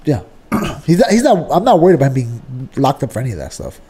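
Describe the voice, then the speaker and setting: A man in casual political chat, argumentative and animated, peppering his talk with fillers. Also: medium pitch, quick pace, husky.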